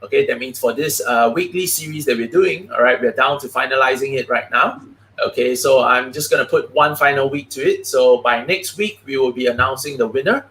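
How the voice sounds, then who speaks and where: A man hosting a live investing stream, chatty and quick, filling his talk with "okay" and "all right". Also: mid-range voice, sharp tone. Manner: chatty, many "okay, all right" fillers, fast talking. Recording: roomy echo.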